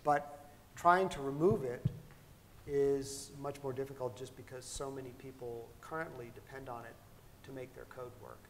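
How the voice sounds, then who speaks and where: A man's voice: medium pitch, steady tone, normal speed. A middle-aged man giving a conversational keynote on a conference stage and taking audience questions, with frequent ums and restarts. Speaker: keynote speaker. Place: large conference hall stage. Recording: long hall reverb, faint noise.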